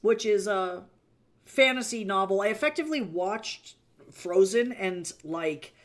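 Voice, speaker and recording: An indie fantasy author chats casually between reading passages on a live stream. Their speech rambles along, full of fillers and quick laughs, in an ordinary middle-pitched voice on a streaming mic. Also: expressive.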